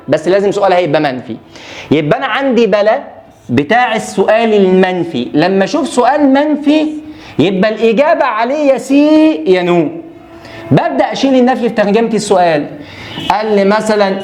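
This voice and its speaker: A man's voice: high voice, lively intonation, brisk, darkish tone. A man with an Egyptian Arabic accent teaching French for an exam review. He drills rules over and over and throws in playful asides to students.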